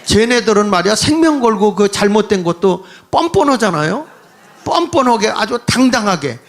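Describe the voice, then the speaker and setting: High-voiced older man lecturing animatedly. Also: moderate pace. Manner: animated, mocking, quips with laughing asides. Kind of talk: political history lecture to an audience.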